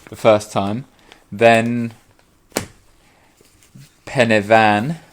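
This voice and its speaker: Young guy, podcast co-host, laid-back chat, laughs a lot, fairly low voice. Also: fairly even intonation, moderate pace, a little hiss or hum. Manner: easygoing, laughs often, trailing off with fillers. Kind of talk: casual chat.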